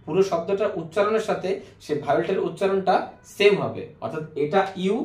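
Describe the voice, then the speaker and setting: A man teaching an English grammar lesson who keeps asking the class questions and then answers them himself, slowing down to spell out and repeat words. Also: sits high, darkish tone, echoey room.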